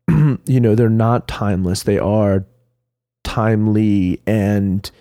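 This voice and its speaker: A man's voice: fairly low pitch, mellow, dry recording, studio quality. A man with a nasal voice chatting casually over a remote call, rambling with fillers and restarts. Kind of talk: casual chat.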